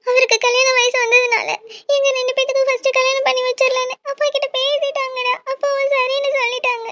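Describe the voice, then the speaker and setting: A performer doing a squeaky tearful cartoon sister. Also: little pitch movement, fast, bright, forceful tone. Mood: upset. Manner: pleading, distressed. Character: young woman, a tearful lovesick younger sister. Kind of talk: cartoon voice acting.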